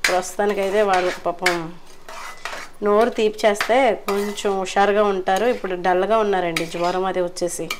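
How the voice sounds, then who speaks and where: A woman talks her viewers through a home recipe in an easygoing, chatty way, with polite asides as she cooks. Her voice sits at an ordinary middle pitch. Pots, cutlery and stirring clatter clearly behind her in the kitchen. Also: noisy background. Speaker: cooking vlogger. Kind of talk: casual cooking narration.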